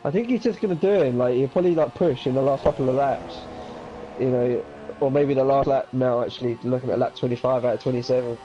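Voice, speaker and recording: A man doing live commentary on an online racing league, excitable, his voice jumping up whenever something happens on track. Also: medium pitch, quick pace. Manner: excitable, voice jumps up at incidents. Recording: dull lo-fi sound with game noise behind. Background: racing game engine noise.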